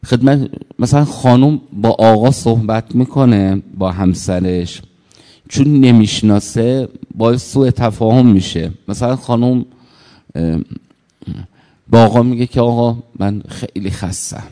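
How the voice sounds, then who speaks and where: A man's voice: medium pitch, dark tone, big-room sound. A man preaching a sermon, telling everyday stories and acting out the people in them. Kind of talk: sermon with anecdotes.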